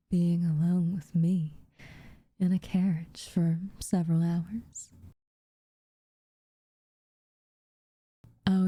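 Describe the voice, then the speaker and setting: In a soft, intimate ASMR roleplay, a woman plays an aloof witch who teases flirtatiously but is secretly tender. Her breathy, half-whispered voice sits on the low side, broken by dramatic pauses, and there is no echo.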